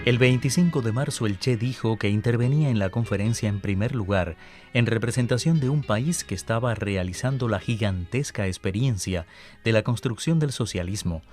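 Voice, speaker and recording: A man with a Cuban accent reading a scripted historical radio series in a measured, formal way. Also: on the low side, a little mellow, faint music behind. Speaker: radio announcer.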